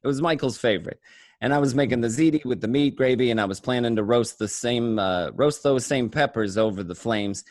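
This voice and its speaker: This radio-play performer, a man with a mid-range voice, portrays a paranoid, streetwise gangster telling of his day in first-person crime narration. He talks fairly quickly in a coarse, conversational, matter-of-fact way, lightly acted and captured in a dry, studio-quality recording.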